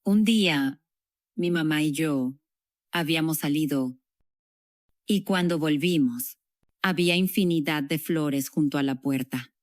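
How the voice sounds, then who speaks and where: Woman, low voice, unhurried, reflective documentary testimony, dry close sound. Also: dry recording. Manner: reflective, measured storytelling. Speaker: interviewee recounting her past. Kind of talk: documentary testimony, dubbed voice-over.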